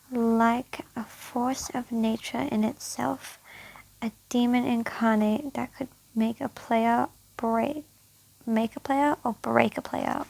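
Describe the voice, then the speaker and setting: A woman's voice: fairly high pitch, vocal fry, darkish tone, poor audio. A woman reading fan fiction aloud on her channel with a sore throat, often stumbling and rereading phrases.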